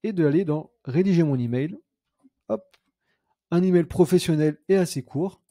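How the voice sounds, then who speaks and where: A young man demoing software in a screen-recorded tutorial, chatty and thinking aloud with fillers and self-corrections. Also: fairly high pitch, moderate pace, no room sound, clean studio sound. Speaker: CRM consultant demoing software.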